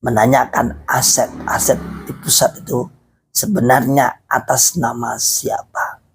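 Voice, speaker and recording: A man, hoarse while recovering from illness, preaching fervently and urging his followers. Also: medium pitch, steady tone, a little slow, slight background noise.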